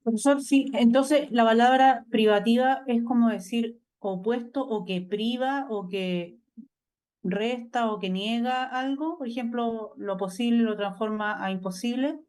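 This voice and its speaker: A woman's voice: fairly high pitch, measured pace, a little mellow. A woman student in an online class, thinking aloud as she answers her teacher.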